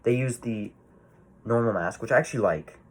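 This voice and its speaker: A man's voice: medium pitch, moderate pace, slightly rough. A man giving a casual movie review, rambling and swearing freely, full of fillers and restarts.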